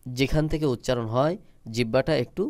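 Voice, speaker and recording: A man's voice: medium pitch, a little fast, a little mellow, no echo. A man teaching Quran letter pronunciation, patiently repeating and stretching out each sound. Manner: patient, instructive. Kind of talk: slow step-by-step pronunciation lesson.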